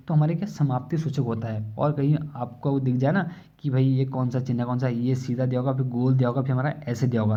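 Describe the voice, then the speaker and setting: A man teaching a casual exam-prep lesson, explaining with many fillers and questions he asks himself. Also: mid-range voice. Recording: slightly dull lo-fi recording.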